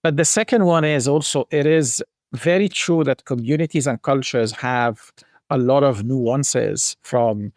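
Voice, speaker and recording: A man's voice: mid-range voice, measured pace, a little mellow, no room sound. A middle-aged man originally from Egypt speaks as a podcast guest in a mid-range voice. He thinks aloud in a reflective way and circles back with restarts and fillers. The sound is dry and close, with no room around it. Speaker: guest, global brand marketing executive. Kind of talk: conversational podcast interview.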